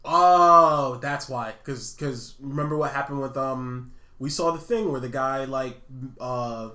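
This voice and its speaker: A man's voice: mid-range voice, unhurried, sharp tone, roomy sound. A man co-hosting a casual podcast chat, laughing often, teasing and swearing. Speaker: podcast co-host.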